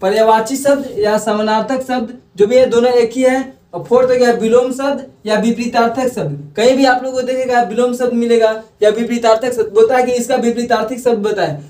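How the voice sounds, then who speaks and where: A man's voice: very high-pitched, steady tone, a little fast, few pauses, a little mellow. A man explaining grammar in a loose, repetitive classroom manner, often restarting his sentences. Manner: repeats phrases, self-corrects often. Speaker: grammar teacher. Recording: echoey room, voice from far off the mic.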